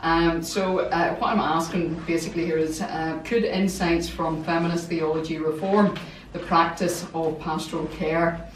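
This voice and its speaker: A woman's voice: deep voice, fairly even intonation, moderate pace, few pauses. A woman from Northern Ireland with an Ulster Scots accent, giving an academic seminar talk as a research fellow. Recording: roomy, distant mic, faint noise.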